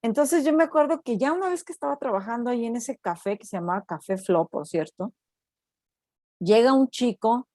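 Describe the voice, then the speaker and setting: A woman's voice: a little high, brisk, no echo, clean studio sound. A Mexican woman, a university researcher, telling a story in a casual interview and often tagging her sentences with "no?". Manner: animated storytelling, acts out quoted voices, frequent "¿no?" tags.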